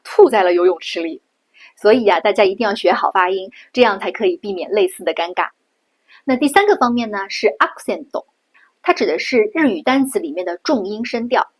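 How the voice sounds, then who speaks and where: A middle-aged woman from China giving a patient pronunciation lesson, slowing down and repeating sounds to show them. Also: mid-range voice, husky. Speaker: Japanese language teacher.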